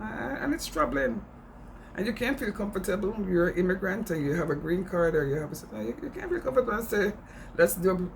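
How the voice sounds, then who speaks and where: Passionate and informal, a middle-aged man with a Jamaican accent comments on immigration issues, earnestly repeating phrases for stress. His voice is a little high with vocal fry, and the poor audio carries a little hiss or hum.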